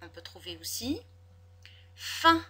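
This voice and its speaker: A woman teaching a spelling lesson to children, sounding out each word slowly and clearly, syllable by syllable. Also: a little high, sing-song, sharp tone, a little hiss or hum. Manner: slow, over-articulated, syllable by syllable.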